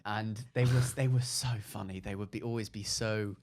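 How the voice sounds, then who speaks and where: A man's voice: on the low side, fairly even intonation, moderate pace, darkish tone. A young man with a posh English accent, chatting casually as a podcast guest with lots of fillers. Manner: chatty, rambling with many fillers.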